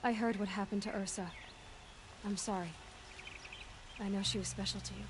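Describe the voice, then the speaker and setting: Woman as a determined young huntress, medium pitch, direct, serious, game dialogue, noticeable ambient noise. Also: fairly even intonation, normal speed, close to an everyday voice. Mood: subdued.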